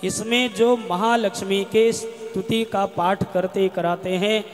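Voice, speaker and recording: A man with a high, measured voice delivers a devotional scripture discourse, chanting verses in a melodic style between slow spoken passages. His voice rings with long reverb through a large hall, with soft music underneath. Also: steady tone. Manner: chants Sanskrit verses in a sung style, then explains in speech. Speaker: katha preacher.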